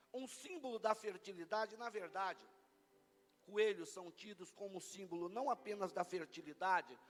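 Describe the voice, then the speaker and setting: A Brazilian Portuguese-accented male pastor preaching a lively sermon, teasing and bantering with the congregation as he goes. His voice sits high for a man and rings out with a long reverb through the church hall.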